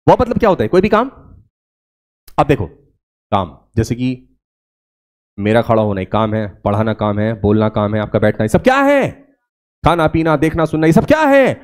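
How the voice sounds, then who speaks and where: A man from India leads a spoken English demo class, firing rhetorical questions at his students and stretching words out to show pronunciation. His voice sits a bit high for a man and swings widely in pitch. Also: darkish tone.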